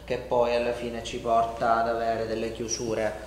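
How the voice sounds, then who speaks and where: Speaking with a completely flat, medium-pitched voice at normal speed, a male chiropractor guides a patient through treatment in an indoor room of a home-like studio. He stays informal and reassuring, frequently asking "ok?" or "no?", and the room is echoey with some background noise.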